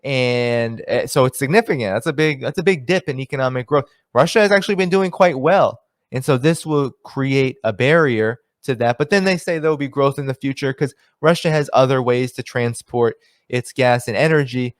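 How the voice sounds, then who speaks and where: A man hosts a solo commentary stream, reading passages aloud and then talking them through in a loose, conversational way. His pitch sits in an ordinary middle range, and the sound is close and dry, with no room echo. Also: normal speed. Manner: conversational, many fillers and restarts, reads quotes aloud. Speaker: political commentary host.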